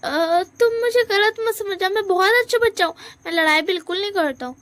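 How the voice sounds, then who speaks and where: A flustered young man who pleads and stammers in a high, eager voice, played by a woman retelling a story. His lines come out in a rush of nervous apologies. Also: fairly quick, a bit bright, no room sound.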